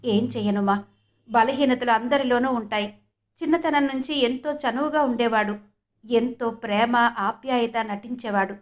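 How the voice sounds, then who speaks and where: A woman's voice: a little high, fairly even intonation, lightly acted. Woman voicing a tearful, hurt young woman. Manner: subdued, halting.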